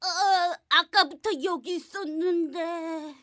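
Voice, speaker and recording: A woman voicing an impatient young boy in an animated cartoon, whiny, cheeky and given to exclamations. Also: very high-pitched, slow pace, a little hiss or hum, heavily acted. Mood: grumbling.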